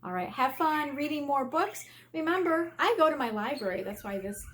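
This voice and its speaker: Her voice is high, sing-song and a bit bright at a moderate pace as this American elementary teacher reads a children's book aloud. She explains the story simply and instructively, over a little hiss or hum.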